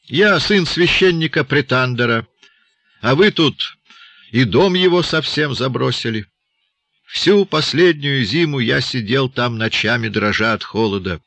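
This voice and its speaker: A man's voice: medium pitch, animated, unhurried, fairly bright tone, no echo, pitched above the performer's own voice. A man reading an audiobook, playing a dry-witted hired killer who speaks in a matter-of-fact way.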